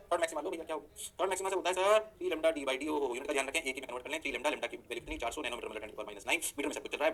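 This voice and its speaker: A man's voice: on the high side, bright, forceful tone. A man teaching a physics lecture, answering his own questions in a mock student voice and chanting sing-song catchphrases. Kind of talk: energetic online lecture.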